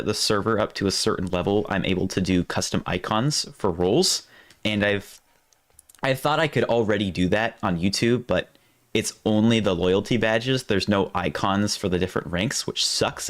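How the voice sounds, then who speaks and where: Guy live streaming, kinda low voice, rambly, voice going a bit hoarse, lots of restarts. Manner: rambling, restarts often, thinks aloud. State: losing his voice. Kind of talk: casual live-stream chat.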